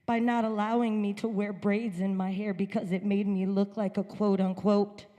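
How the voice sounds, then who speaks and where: A woman's voice: mid-range voice, level tone, normal speed, dark tone, in a large hall. A woman from upstate New York giving an earnest, emphatic personal testimony at a church service. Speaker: guest speaker at a church service. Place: church sanctuary.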